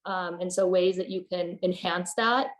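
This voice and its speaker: Low-voiced woman presenting principles. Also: fairly even intonation, normal speed. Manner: conversational, with fillers. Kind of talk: online presentation.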